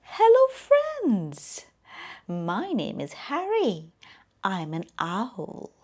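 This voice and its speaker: Slow, expressive woman telling a children's story. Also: mid-range voice. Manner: slow, expressive, often drops to a whisper.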